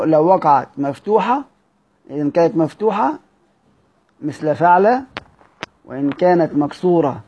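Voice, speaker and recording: A man with an Egyptian accent teaching a classical grammar text, asking and answering his own questions, with quick asides and slowly drawn-out recitation of verse. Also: a little high, warm tone, lo-fi sound. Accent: Egyptian Arabic. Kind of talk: colloquial Egyptian lesson mixing classical quotations.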